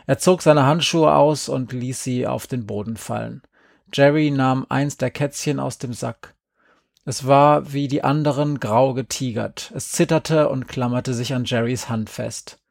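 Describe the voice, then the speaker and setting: A man reading a story aloud in a calm, even storytelling manner. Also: mid-range voice, a little slow, gravelly, no echo, clean studio sound. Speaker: narrator. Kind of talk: audiobook narration.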